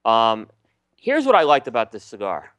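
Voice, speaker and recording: A man co-hosts a laid-back cigar-review podcast, speaking at normal speed in a mid-range voice. He is relaxed, with many ums and restarts, and the audio has no echo.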